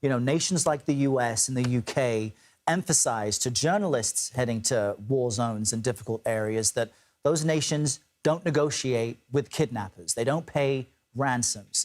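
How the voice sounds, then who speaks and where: Male news anchor, medium pitch, measured and formal interviewing.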